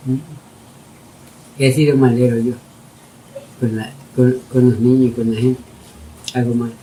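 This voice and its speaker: A man's voice: medium pitch, a little slow. Man telling stories, distant and noisy. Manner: lively, acts out his own shouts in stories. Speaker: storyteller interviewee. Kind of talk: casual oral-history storytelling. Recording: distant mic with loud noise and dogs barking.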